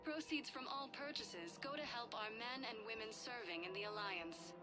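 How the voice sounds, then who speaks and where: A woman voicing a female store announcer, reading a shop announcement as an upbeat scripted sales pitch. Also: moderate pace, lightly acted. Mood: promotional. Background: loud game music.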